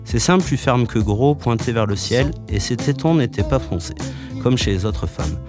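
A man narrating a story in a calm, matter-of-fact way. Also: mid-range voice, normal speed, music in the background. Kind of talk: audiobook reading.

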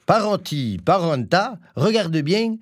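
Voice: mid-range voice, very animated, takes it slowly, a little hiss or hum, voice pushed up. A storyteller voicing a bumbling magician baker who chants spells. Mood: chanting. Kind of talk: storybook reading.

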